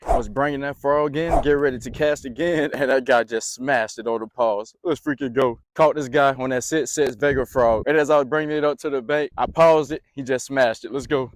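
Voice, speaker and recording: A man vlogging his own fishing by a pond, excitable, breathing hard, exclaiming often as he narrates. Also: medium pitch, fairly quick, hardly any pauses, background noise. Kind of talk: excited outdoor fishing vlog. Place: outdoors by a Florida pond.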